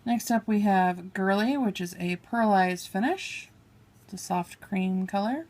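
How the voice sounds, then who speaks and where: A beauty vlogger with a medium-pitched, darkish voice speaks at a measured pace as she chats casually through a makeup haul. She swatches shades on her arm and apologizes for mispronouncing names, filmed by a camera on a table pointed at her hands.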